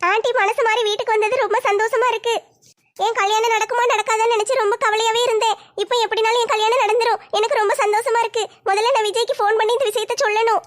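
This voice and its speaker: A woman voicing a very high cheerful college girl. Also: quick pace. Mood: happy. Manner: bright excited self-talk. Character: young female college student, cheerful and naive.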